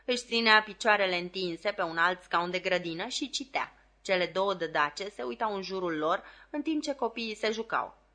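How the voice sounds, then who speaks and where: A woman reading a classic novel aloud as an audiobook, with clear and expressive storytelling. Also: mid-range voice. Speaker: audiobook reader.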